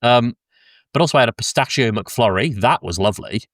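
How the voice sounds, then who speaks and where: This British podcast co-host is young and expressive, talking fairly quickly in a mid-range voice as he rambles through an anecdote with curses, laughs and lots of ums. The casual chat is studio quality, dry and close-miked.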